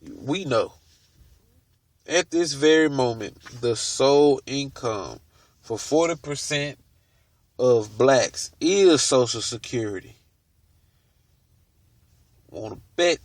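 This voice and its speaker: A man hosting a video, reading from a book aloud and stopping to comment on it in a deliberate way. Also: medium pitch, expressive, no room sound. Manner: deliberate, stops to comment on what he reads. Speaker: video host.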